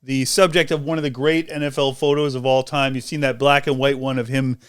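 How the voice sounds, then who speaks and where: A man's voice: mid-range voice, little pitch movement, brisk, smooth, no room sound, clean studio sound. A man co-hosting a casual sports podcast, reading sports trivia and joking around with his co-hosts. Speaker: podcast co-host.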